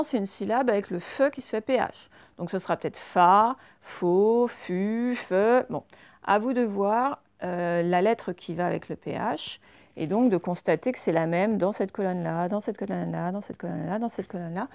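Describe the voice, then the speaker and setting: Une enseignante qui fait une leçon d'orthographe pour enfants, lente et patiente, qui répète chaque mot deux fois. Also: female voice, mid-range voice, expressive, gravelly, a little mellow, no echo. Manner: slow, patient, repeats each word twice. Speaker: teacher. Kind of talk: spelling lesson read to children.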